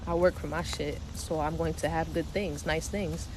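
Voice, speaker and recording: A woman's voice: low-pitched, moderate pace. A young woman from Delaware with a slight New York twang, chatting casually and profanely on a livestream, laughing often. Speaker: spiritual livestream host. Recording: steady background noise.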